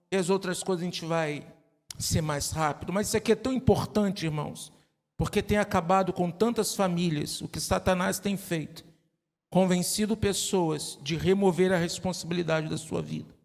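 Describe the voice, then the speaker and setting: A middle-aged man preaches a sermon from the pulpit, his voice pitched high for a man. He drives his points home with repeated questions thrown out to the congregation. The sound carries the long reverb of a church hall. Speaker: pastor.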